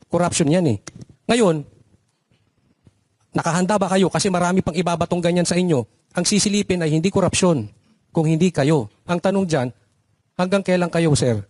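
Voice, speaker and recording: A man's voice: on the high side, darkish tone, dry recording. Probing vlogger man. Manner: probing, lecturing. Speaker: vlogger guest and coach. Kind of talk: commentary in an interview.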